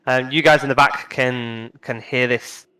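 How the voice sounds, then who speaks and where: Male game master, smooth voice, halting narration full of fillers and restarts. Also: medium pitch, steady tone, sharp tone, poor audio.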